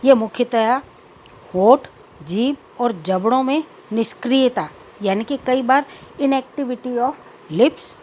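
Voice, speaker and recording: A woman lecturer with a somewhat high voice explains a topic step by step in a steady teaching manner. She slips English technical terms into her talk. A faint insect buzz hums in the background. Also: slow, highs cut off, slight background noise. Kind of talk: recorded lecture.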